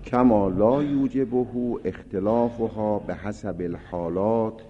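Low-voiced man giving a seminary lecture. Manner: reads Arabic text aloud, then explains it in Persian; raises voice for emphasis while explaining. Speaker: seminary teacher. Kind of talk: seminary lecture on Islamic legal theory. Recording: dull lo-fi recording with faint hiss.

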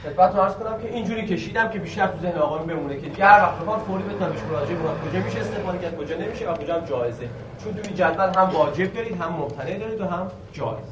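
A man teaching a grammar lesson, quizzing the students with questions and slowly stretching out key words. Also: high-pitched, distant mic, background noise. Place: classroom. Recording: echoey room recorded from afar.

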